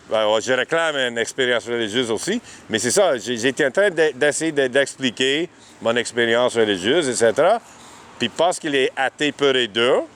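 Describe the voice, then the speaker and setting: Male, average pitch, casual and halting delivery, quick to agree, recorded outdoors with light traffic behind. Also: fairly bright tone. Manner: hesitant, agreeable, frequent backchannels. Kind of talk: casual street conversation. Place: outdoors in a city. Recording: faint outdoor urban traffic noise.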